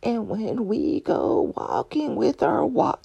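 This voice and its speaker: A woman voicing an elderly woman with a Southern accent who slowly and dotingly gushes about her old boyfriend. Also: fairly high pitch, wildly swooping pitch, creaky, dark tone, husky, muffled recording, voice pushed up, exaggerated voice. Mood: doting, giddy. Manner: slow, drawn-out, doting.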